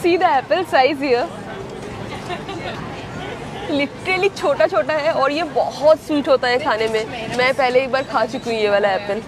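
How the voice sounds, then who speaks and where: Shopping for vegetables at an outdoor farmers market, a woman from India in her thirties vlogs on a handheld camera in an unhurried, high-sitting voice. She's chatty, addressing viewers as she picks up produce, while the crowd chatters in the background.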